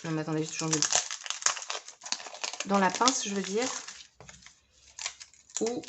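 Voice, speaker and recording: A woman's voice: mid-range voice, lively intonation, takes it slowly, heavy background noise. Chatty woman, hesitant filler-heavy talk. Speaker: scrapbooking vlogger. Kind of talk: casual haul video.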